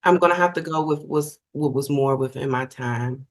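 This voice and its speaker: Her voice a rumbling low, a middle-aged woman who sings talks at a moderate pace as a guest in a relaxed interview. Animated and gushing, she frequently starts her sentences over.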